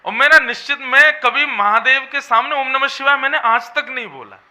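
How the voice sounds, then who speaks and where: A man's voice: extremely high pitch, normal speed, pushed and bright. A man giving a devotional sermon as a religious storyteller, preaching in an emphatic, melodic way. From Vrindavan region.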